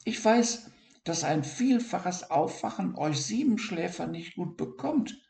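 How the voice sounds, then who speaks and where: A man voicing a prickly male hedgehog in a children's story, speaking in a high falsetto. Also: expressive, slow, vocal fry, darkish tone, full character voice. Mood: regretful. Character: prickly male hedgehog, gruff then sorry. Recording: roomy echo.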